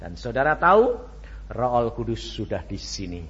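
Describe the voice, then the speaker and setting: Animated Javanese-accented male pastor. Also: mid-range voice, moderate pace, husky. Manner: emphatic, swinging from hushed asides to shouted exclamations. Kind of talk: sermon. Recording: dull lo-fi with faint background noise.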